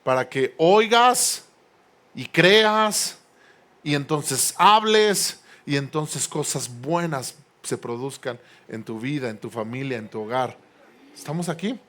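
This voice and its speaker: A man's voice: mid-range voice, animated, measured pace, fairly bright tone. A male pastor preaching a sermon in a church. He builds to emphatic peaks, prompts the congregation to respond, and makes playful asides. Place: church sanctuary.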